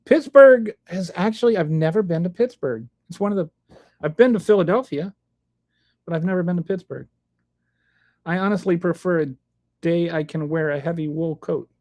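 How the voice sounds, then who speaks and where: Here a middle-aged livestream host reads viewer comments in a loose, rambling chat full of fillers and false starts. His slightly high voice has a touch of mellowness, captured in a dry recording.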